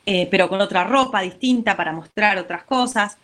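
A woman's voice: mid-range voice, normal speed. A woman with an Argentine accent, telling a story in a casual interview and acting out what people said. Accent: Argentine Spanish. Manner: animated, acts out quotes. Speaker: guest.

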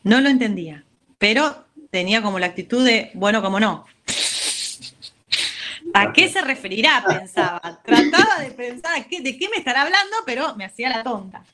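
A woman's voice: fairly high pitch, normal speed. A woman with an Argentine accent, telling a story in a casual interview and acting out what people said. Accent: Argentine Spanish. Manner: animated, acts out quotes. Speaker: guest.

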